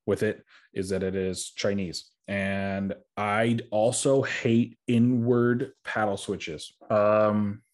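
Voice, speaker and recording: A man's voice: lowish voice, level tone, takes it slowly, few pauses. A man hosting a podcast, chatting casually and rambling with lots of fillers, sounding tired. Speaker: podcast host.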